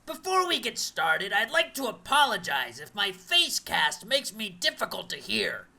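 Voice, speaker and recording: This is a woman doing a haughty boss with a gravelly, sharp edge to her voice. She is condescending, and her speech is slightly muffled as though by a face cast. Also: mid-range voice, normal speed, a little hiss or hum. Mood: scornful.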